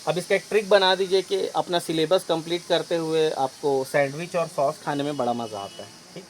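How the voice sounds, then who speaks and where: Guy teaching exam prep, higher-ish voice, repeats stuff a lot and keeps saying okay, bit of hiss. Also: fairly quick, low-quality recording. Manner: explains step by step, often repeating and checking with "okay".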